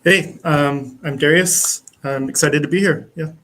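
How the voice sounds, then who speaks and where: A man, a guest software engineer, explaining a technical subject in a casual, relaxed way with frequent um fillers. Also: a little high, a little slow.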